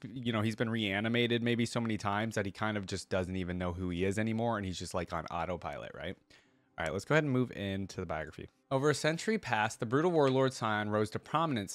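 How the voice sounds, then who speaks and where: A man with a lowish voice reads lore aloud for his YouTube reaction video, breaking in with his own reactions in a conversational style. The recording is dry.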